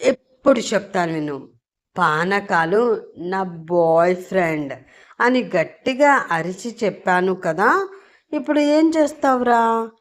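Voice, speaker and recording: A woman's voice: medium pitch, lively intonation, slow pace. A woman voicing a drunk, bossy wife who talks in thick, slurred words and scolds her husband. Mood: drunk, scolding.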